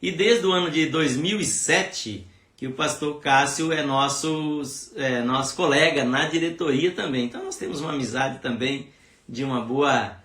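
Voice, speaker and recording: A man's voice: fairly high pitch, normal speed, fairly bright tone. A Brazilian man hosts a church live stream in a loose, chatty way. He rambles, restarts his sentences and leans on fillers as he talks. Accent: Brazilian Portuguese.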